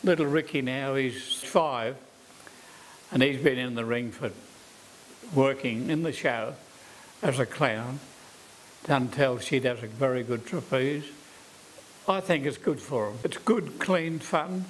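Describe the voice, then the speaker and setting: A man's voice: mid-range voice, takes it slowly, long pauses, rough recording. Man in his nineties, simple repetitive phrasing, faint hiss. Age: 90s. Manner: plain-spoken, repeats himself warmly. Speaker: circus performer. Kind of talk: reflective interview answers.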